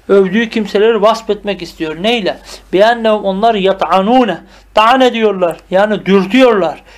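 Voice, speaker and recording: A man teaching a lesson. He reads classical phrases, explains each one, and asks himself questions that he then answers. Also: high voice. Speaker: Arabic teacher. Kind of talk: madrasa-style text reading and explanation.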